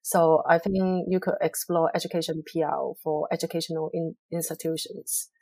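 A middle-aged Hong Kong woman working in public relations answers interview questions in a measured, reflective way, with frequent pauses and fillers. Her deep, gravelly voice is a little mellow with little pitch movement, in a low-quality recording with no echo.

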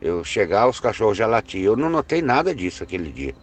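A man telling a personal story in a hesitant way, repeating words and slowing down for suspense. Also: lowish voice, big pitch swings, soft background music. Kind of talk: first-person spoken storytelling.

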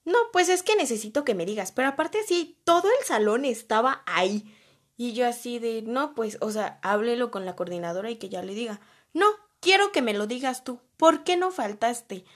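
A young woman with a Mexican Spanish accent telling a personal story in a casual, animated way, full of slang and acted-out quotes. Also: a little high, normal speed.

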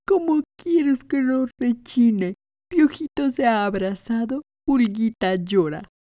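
A woman's voice: fairly high pitch, slow, mellow, dry recording, studio quality, voice pushed up. A woman voicing an anxious talking broom in a storybook tale, with a raised, pleading tone. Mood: fretful. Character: fretful broom, thing, higher voice.

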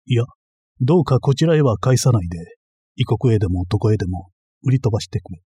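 A man voicing a calm, unflappable young male messenger, delivering everything flatly and matter-of-factly. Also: medium pitch, quick pace, breathy edge. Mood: deadpan. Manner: flat, matter-of-fact delivery.

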